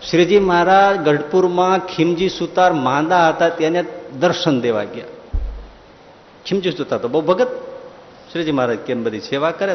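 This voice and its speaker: A swami delivers a devotional discourse, chanting verses and acting out the voices of the people in his story. His voice sits fairly high for a man. The recording is dull and lo-fi, with a long hall reverb and faint ambience behind it. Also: slight background noise. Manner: animated storyteller, chants Sanskrit verses, acts out dialogue. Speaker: swami giving a religious discourse. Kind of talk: Gujarati katha sermon with storytelling.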